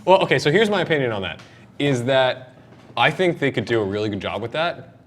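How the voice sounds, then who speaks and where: Hosting a casual panel discussion for a video game show, a young man speaks emphatically and with strong opinions. His voice is medium in pitch and fairly quick. The recording comes from a noisy room with steady background noise.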